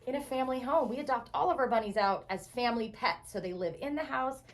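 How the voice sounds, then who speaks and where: Talking fast in a fairly high voice, a woman leads children on an educational tour through indoor animal shelter rooms, keeping her explanations simple and enthusiastic. Faint background noise comes through the distant mic.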